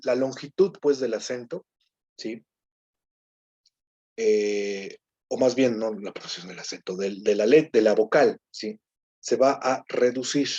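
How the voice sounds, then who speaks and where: A man's voice: medium pitch, dark tone, husky, muffled recording. A man teaching a Hebrew grammar lesson, explaining patiently, often checking in with his students and correcting himself as he goes. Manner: explanatory, frequent rhetorical checks and self-corrections. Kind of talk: online lecture.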